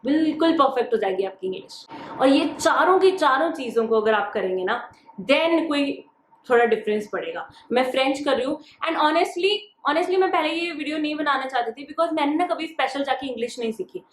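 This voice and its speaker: High-voiced young woman vlogging. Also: expressive, a little fast, a little hiss or hum. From Punjab, India. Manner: encouraging, switches freely between Hindi and English. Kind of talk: casual advice vlog. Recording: echoey room.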